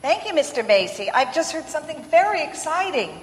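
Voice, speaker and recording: A woman's voice: high voice, sing-song, fairly quick. A woman playing a poised, persuasive career woman in an old-time radio play, polite and businesslike. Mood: pleased. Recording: echoey hall, faint noise.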